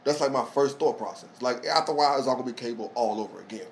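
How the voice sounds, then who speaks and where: A man's voice: medium pitch, racing, vocal fry, a little hiss or hum. A man co-hosting a podcast, rambling through stories in casual, profane slang. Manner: rambling anecdotal storytelling. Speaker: podcast co-host. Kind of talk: casual chat.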